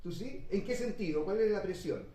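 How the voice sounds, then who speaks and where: Man, panel host, measured, filler-heavy, mellow dark tone, distant mic, echoey room. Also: high voice, expressive. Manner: measured, many drawn-out "eh" fillers. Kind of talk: conversational panel discussion. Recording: roomy echo, distant mic.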